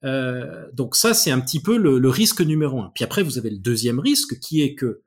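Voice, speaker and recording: A man's voice: mid-range voice, lively intonation, a little fast, breathy edge. A man speaking as an expert guest in an interview, explaining ideas thoughtfully with frequent restarts and repeated words.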